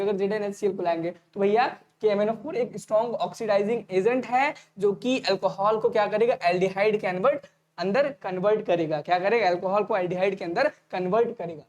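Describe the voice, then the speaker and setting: A man teaching an online exam-prep lecture, talking fast and repeating each point as a question to the students before answering it himself. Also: sits high. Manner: casual, addresses students directly.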